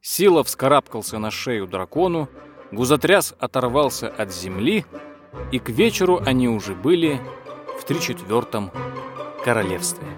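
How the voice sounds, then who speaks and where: A man narrating a fairy tale as an audiobook, in a measured storytelling voice. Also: medium pitch, big pitch swings, music in the background.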